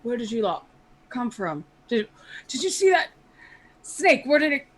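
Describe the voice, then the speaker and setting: A woman playing jumpy, gullible human guards in a tabletop game, with halting, startled questions. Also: mid-range voice, very animated, poor audio. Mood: startled, wary.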